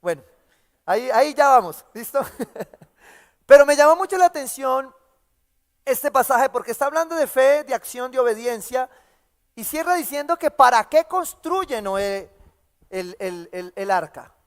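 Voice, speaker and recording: Colombian pastor guy preaching, pretty high voice, keeps asking si?, echoey church hall. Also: expressive. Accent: Colombian Spanish. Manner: asks "¿sí?" after nearly every phrase; emphatic, slows and stresses key words. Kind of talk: sermon.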